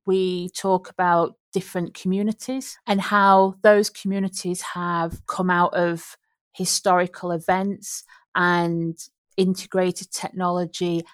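Woman from Yorkshire, low-pitched, dry close sound, reflective panel researcher with frequent restarts. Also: dry recording. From Yorkshire, England. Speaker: researcher and book author. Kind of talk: panel discussion.

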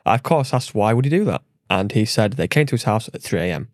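A man's voice: lowish voice, lively intonation, dry recording, studio quality. A man co-hosting a workplace podcast, playful in casual chat and reading out a listener's email. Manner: playful, brisk interjections. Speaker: podcast co-host.

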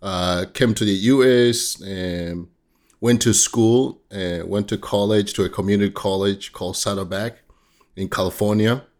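A man from Tanzania, a guest in a casual interview, talking haltingly with frequent restarts and laughter. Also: lowish voice, steady tone, darkish tone.

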